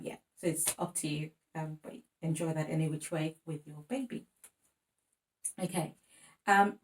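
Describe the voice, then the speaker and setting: A woman explaining and singing lap rhymes for babies in a chatty, gentle way with many ums. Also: low voice, recorded from a distance. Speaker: music teacher. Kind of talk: demonstrating baby lap songs and rhymes.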